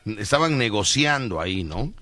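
A man's voice: fairly low pitch, sing-song, normal speed, sharp tone, no room sound, faint music behind. A man with a Mexican accent hosting a radio comedy show, playfully telling a story and calling his cohost "hijo". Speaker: radio host.

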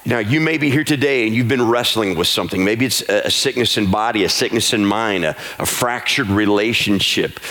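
Pastor preaching in a reverberant church. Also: male voice. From United States. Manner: swings between soft low teaching and raised, high-pitched exhortation; repeats key lines for emphasis. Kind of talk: sermon. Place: church sanctuary.

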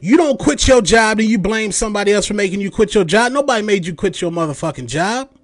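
Fast and expressive, this high-pitched man in his late thirties hosts a podcast and delivers a mocking, profane, heated rant of commentary. There's no room sound at all.

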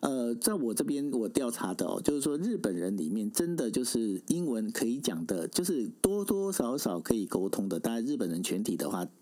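Male host, Taiwanese Mandarin accent, very lively intonation, wordy and explanatory, conversational interview style. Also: medium pitch, a little fast, hardly any pauses. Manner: wordy, explanatory, often checks for agreement.

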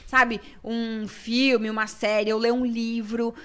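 Uma mulher jovem, convidada de uma entrevista, que conta histórias com animação e imita diálogos. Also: female voice, on the high side, slow pace, clean tone. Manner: animated storyteller, acts out quoted dialogue. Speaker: interview guest. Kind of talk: casual interview chat.

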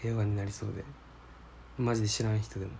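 A man with a somewhat low voice hosts a casual solo radio-style chat and reads out listener mail. He rambles in a slangy, laid-back way and keeps stopping to search aloud for the right words. A faint hiss sits under the voice. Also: flat delivery, fast, vocal fry, a little mellow. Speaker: podcast host reading listener mail.

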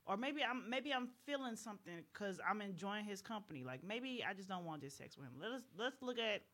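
A woman's voice: medium pitch, expressive, brisk, a bit bright. A woman co-hosting a casual podcast chat, often stumbling and restarting as she thinks aloud. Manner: hesitant, stumbling over words. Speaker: podcast co-host.

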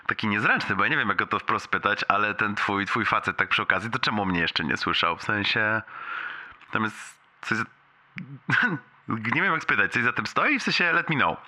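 Late-20s guy leaving a voice message, low-ish voice but really bright and edgy, rambly, keeps laughing. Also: lively intonation, moderate pace. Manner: slangy and chatty, laughs often, many restarts.

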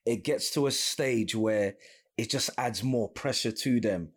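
A man's voice: medium pitch, measured pace, husky. Man asking long, winding questions. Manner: long, meandering questions with restarts. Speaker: interviewer. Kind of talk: interview questions.

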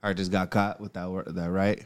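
A man co-hosting a casual podcast, reacting to a fight with punchy slang and quick interjections. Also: deep voice, flat delivery. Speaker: podcast co-host. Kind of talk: casual fight commentary chat. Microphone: headphones and podcast mic.

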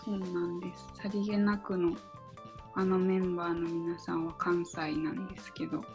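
A woman's voice: lowish voice, flat delivery, normal speed, a little mellow, faint music behind. A woman in a casual chat, speaking politely and laughing often. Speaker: podcast member.

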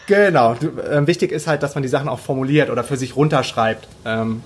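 Excited male host dropping English buzzwords. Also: medium pitch, a little fast, breathy edge. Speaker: podcast host. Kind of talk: casual interview chat.

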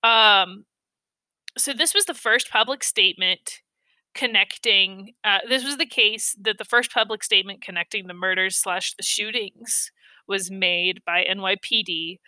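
A young woman hosts a casual true-crime podcast, unhurried and chatty, dropping ums and frank, sometimes crude asides. Her voice is strikingly bright and smooth, recorded close and dry with no room sound. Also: medium pitch, no room sound. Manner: frequent ums and uhs, offhand asides; blunt, swears casually. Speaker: podcast host.

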